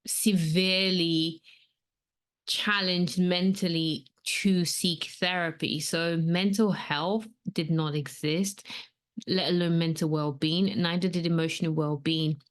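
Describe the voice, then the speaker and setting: A woman in her thirties who grew up in Nigeria talks through a solo podcast episode. Her voice sits a little low, and she speaks earnestly and casually, with plenty of ums and likes as she thinks aloud. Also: steady tone, slow. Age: 30s. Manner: earnest, conversational, many fillers. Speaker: podcast host and coach.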